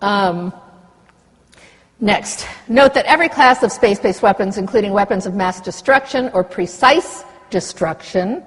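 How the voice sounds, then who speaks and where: An older woman at a conference lectern, speaking with passion and breaking off from the text she reads for sharp asides. Her voice is husky and a little breathy, and the long reverb of a big hall trails after every phrase. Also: mid-range voice, unhurried. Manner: impassioned, reads treaty text aloud with asides. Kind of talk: conference speech.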